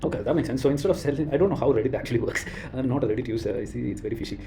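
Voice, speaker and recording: A man with an Indian accent talking through his screen in a casual walkthrough, thinking aloud and pausing on fillers. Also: mid-range voice, background noise. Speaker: creator.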